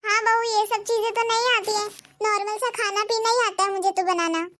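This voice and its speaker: A woman's voice: extremely high pitch, fairly even intonation, fairly quick, a bit bright. A woman voicing a humble, caring mother-in-law in a Hindi cartoon, speaking mildly and pleading. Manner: mild, pleading.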